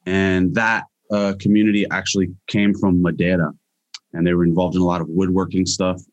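A man's voice: sits low, no room sound. A young Hawaiian man answering interview questions casually as a guest scientist, with frequent restarts and fillers.

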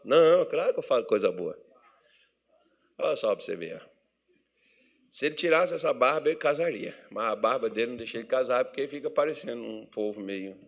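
With his Brazilian Portuguese accent and mid-range voice, a pastor delivers a lively, humorous church sermon in which he plays the voices of worried believers.

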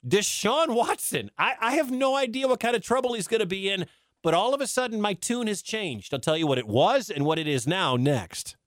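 Chatty sports radio host, dry studio sound. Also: male voice, high voice, lively intonation, moderate pace, fairly bright tone, no room sound. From Detroit, grew up in Wisconsin. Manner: chatty, storytelling, laughs often. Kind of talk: casual radio talk.

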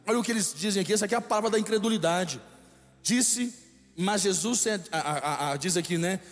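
A man's voice: sits high, quick pace. A man with a Brazilian Portuguese accent preaching a sermon as a bishop, emphatic and repeating lines for the congregation to echo. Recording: echoey hall with faint music.

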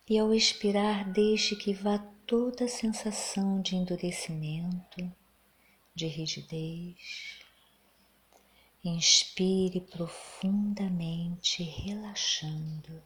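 Female meditation guide, Brazilian accent, lowish pitch, very slow soothing delivery, soft and breathy, close to a whisper.

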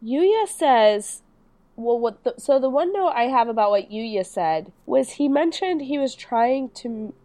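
A woman with a fairly high, lively voice that moves a lot, chatting casually on a podcast. She keeps adding her own reactions and notes to the recap. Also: unhurried. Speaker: podcast co-host. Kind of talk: casual chat recapping a reality show.

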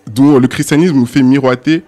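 A young man speaks quickly in a relaxed podcast chat. His pitch sits in an ordinary middle range. He stumbles, repeats words and restarts sentences as he works through his thoughts. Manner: fast, halting, many restarts and repeated words. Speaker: podcast guest. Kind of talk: casual podcast discussion.

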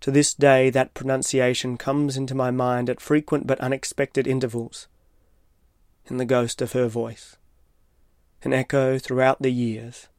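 Guy reading his own reflective essay, smooth clear voice, dry close sound. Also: medium pitch, flat delivery, dry recording. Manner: measured, reflective, literary. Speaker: narrator. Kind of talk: scripted reflective narration. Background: soft guitar music.

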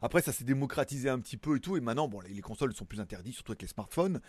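A tech news YouTuber chats casually to camera from his home in Thailand, rambling and poking fun at himself with plenty of fillers. His medium-pitched voice is a little mellow, very fast, and full of lively intonation, with no echo.

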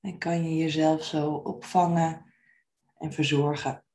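Low, mellow woman guiding meditation softly. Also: flat delivery. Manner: soft, soothing, unhurried phrasing with gentle invitations. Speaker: meditation guide. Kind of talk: guided meditation.

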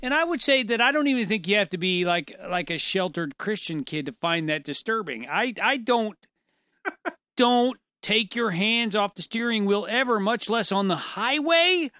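A man co-hosting a casual chat, telling stories in an animated, self-deprecating way with frequent laughter. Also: sits high, moderate pace, dry recording, clean studio sound. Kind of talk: casual conversational storytelling.

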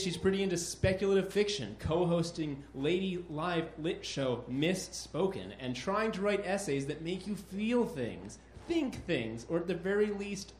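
A man's voice: fairly high pitch, slight background noise. A man hosting a live comedy show, introducing acts with upbeat, joking patter. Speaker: host. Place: stage in an echoey venue. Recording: echoey live venue.

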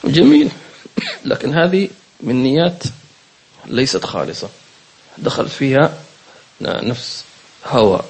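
A man's voice: mid-range voice, sing-song, a little slow, vocal fry, long pauses, husky. A man teaching a religious lesson, asking questions, repeating key words and checking that listeners follow. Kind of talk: lesson commentary on a religious book.

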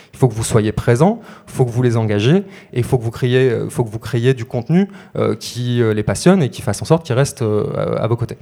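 A man's voice: mid-range voice, darkish tone. A man coaching project creators, talking them through steps with many hesitations and rhetorical questions. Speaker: crowdfunding coach. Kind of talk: explanatory talk to creators.

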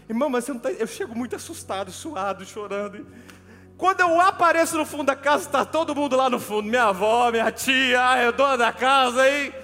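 A man preaching a sermon, telling a personal story in an animated way and calling his listeners brother. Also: very high-pitched. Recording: long hall reverb with faint music.

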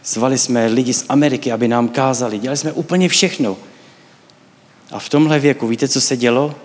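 A man's voice: mid-range voice, steady tone. A man preaching in a church, telling his own story earnestly and acting out his prayers. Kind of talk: personal testimony sermon. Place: church hall. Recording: echoey church hall.

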